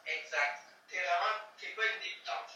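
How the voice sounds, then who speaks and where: A woman's voice: on the low side, normal speed, bright, forceful tone, soft background music. A woman coach, guiding a posing lesson over a video call with encouraging step-by-step corrections. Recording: echoey, distant video call audio.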